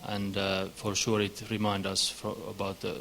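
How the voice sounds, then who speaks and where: A man speaking haltingly, with many fillers and restarts. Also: lowish voice, completely flat delivery, fairly bright tone.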